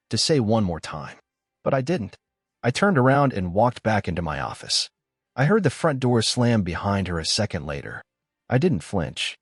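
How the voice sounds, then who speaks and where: A man narrating a first-person story in a calm, measured, scripted way. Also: lowish voice, husky, dry recording, clean studio sound.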